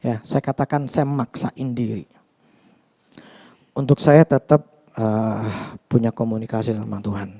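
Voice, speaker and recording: Male pastor, earnest and confessional, mid-pitched mellow voice, chatty sermon delivery. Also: little pitch movement, measured pace, long pauses. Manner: conversational, hesitant with many fillers and restarts.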